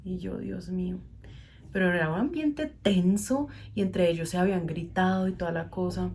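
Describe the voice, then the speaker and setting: A woman's voice: on the low side, brisk. A young woman, telling a personal story as a vlogger and acting out the people she quotes. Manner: animated storyteller, acts out quoted dialogue. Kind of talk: casual storytime vlog.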